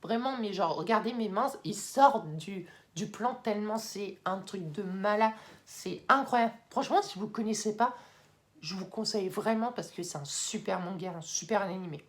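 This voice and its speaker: Young woman, casual vlog tier list, chatty, fillers, excited bursts. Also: medium pitch, normal speed. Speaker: YouTuber ranking anime.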